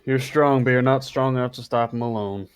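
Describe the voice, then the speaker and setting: Guy doing a grumbly noble adventurer, solemn and determined, tabletop game, medium pitch. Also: steady tone, fairly quick, smooth, natural voice. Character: grumbling, resolute lawful-good male adventurer.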